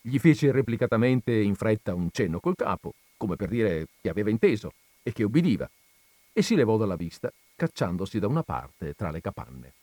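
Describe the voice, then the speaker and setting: A man hosting a radio reading, narrating a classic novel in a theatrical, lively storytelling manner. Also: on the low side, normal speed, dry recording. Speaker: radio reader and host.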